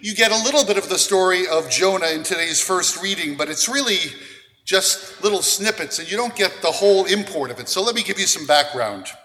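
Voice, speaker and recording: Male priest, high voice, measured homily, long cathedral echo, big church reverb. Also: lively intonation, bright, forceful tone. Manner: measured, deliberate preaching with pauses. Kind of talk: gospel reading and homily. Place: large church.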